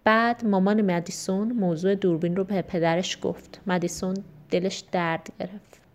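A woman storyteller reads a children's tale aloud. Her narration is gentle and even, suited to young listeners. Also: mid-range voice.

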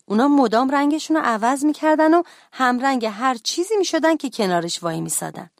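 A woman narrating a children's bedtime story in a clear, animated storytelling voice. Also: high-pitched, no echo, studio quality.

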